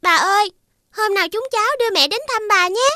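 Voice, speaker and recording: A woman voicing a kind, caring little girl princess in an animated fairy tale. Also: extremely high pitch, fairly quick, no room sound, studio quality. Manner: bright, caring, childlike speech. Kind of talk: cartoon dub acting.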